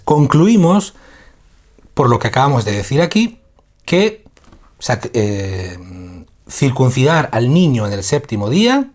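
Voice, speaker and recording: A man's voice: mid-range voice, slightly rough. A man from Spain with a Spanish accent, giving a casual live-streamed religious lesson, laughing through apologies and then explaining patiently. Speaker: Islamic teacher.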